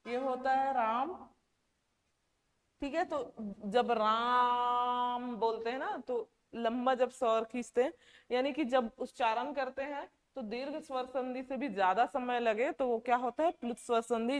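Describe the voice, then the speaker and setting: A woman teaching a class, asking questions and repeating key words slowly. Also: sits high, long reverb tail. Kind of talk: classroom lecture.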